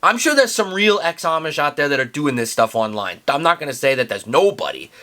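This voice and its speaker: A man in his forties, a high school teacher co-hosting casual chat, jokes around with a Pennsylvania Dutch-influenced American English accent. He's folksy and talks in restarts. His voice is a little high, very animated, a little fast, and pushed and bright.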